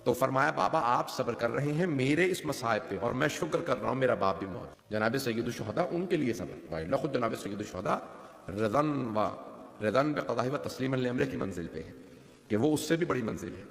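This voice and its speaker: A man's voice: mid-range voice, expressive, creaky. A male cleric giving an emotive devotional sermon to a gathering, building to impassioned peaks and often checking the crowd's response. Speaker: Shia cleric preacher. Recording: echoey hall with long reverb.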